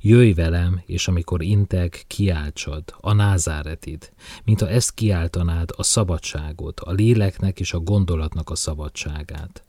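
A man reading a gentle merciful teacher, deep and soft. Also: no room sound. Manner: soft, slow, measured speech.

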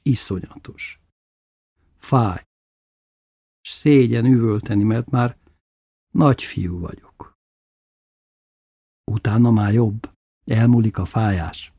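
A man reading a childhood memoir aloud as narrator, in a subdued, intimate storytelling manner with a husky voice. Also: lowish voice, pauses often, mellow, no echo, studio quality.

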